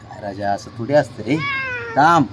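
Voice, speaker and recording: A young man outdoors talking to his pet cat in doting baby talk, coaxing it along and scolding it gently. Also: mid-range voice, lively intonation, normal speed, noisy background. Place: outdoors, in sun and shade.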